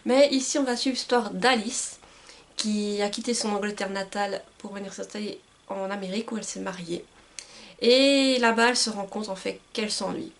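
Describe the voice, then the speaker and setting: Speaking to camera, a young woman who runs a book vlog offers casual recommendations, chatty and hesitant, with frequent fillers and self-corrections. Her mid-range voice moves at normal speed, captured by a camcorder microphone.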